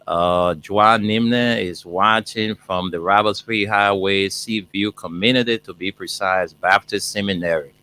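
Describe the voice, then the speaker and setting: A man hosting a casual call-in radio show, brisk and jokey with many fillers. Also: fairly low pitch, steady tone, bright, forceful tone.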